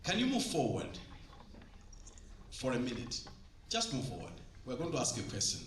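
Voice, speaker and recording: A man's voice: medium pitch, huge pitch swings, normal speed, a bit bright, a little hiss or hum. A man with a Southern African English accent, a church leader, addressing a convention and coaxing the crowd with repeated instructions. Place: large convention hall. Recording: roomy hall with faint ambience.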